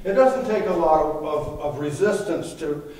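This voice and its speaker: A man's voice: a little high, lively intonation, normal speed, darkish tone, recorded from a distance. Older man coaching in an echoey gym. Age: 60s. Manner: earnest, explaining step by step. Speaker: fitness trainer. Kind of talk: instructional demonstration. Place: indoor gym.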